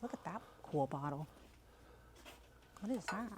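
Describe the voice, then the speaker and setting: A woman's voice: on the low side, animated, unhurried, a little mellow, a little hiss or hum. A woman co-hosting a bourbon vlog, chatty and teasing, pointing out good prices in a liquor store. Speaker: bourbon reviewer and channel co-host. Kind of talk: casual walk-through vlog.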